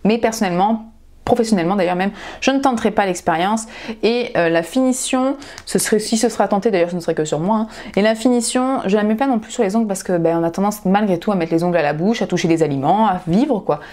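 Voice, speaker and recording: A woman's voice: mid-range voice, fast talker, mellow. Chatty young woman unboxing nail products. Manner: chatty and enthusiastic, gushing over products. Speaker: nail vlogger. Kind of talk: casual haul unboxing vlog.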